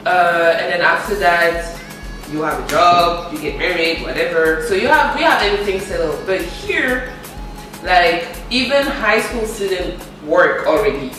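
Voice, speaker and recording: A woman in her twenties from Gabon with a slightly low voice, speaking frankly and loosely. She sounds distant, in a room full of echo. Music plays softly behind her. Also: animated, unhurried. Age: 20s. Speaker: interviewee. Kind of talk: casual sit-down chat. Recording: very echoey room, mic set far off.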